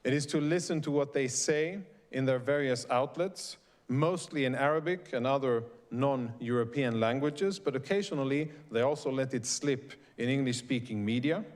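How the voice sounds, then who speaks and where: With a mid-range, darkish voice, a middle-aged man from Sweden gives a prepared speech to a live crowd as an invited speaker. He delivers it in a deliberate, emphatic way.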